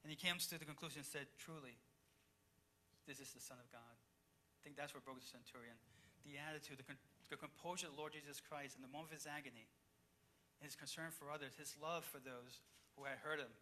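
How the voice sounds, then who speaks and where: A man from Chile preaching a sermon, reading scripture aloud and explaining it, swinging between loud passages and hushed ones. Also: on the high side, steady tone, brisk, a little hiss or hum. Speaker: pastor.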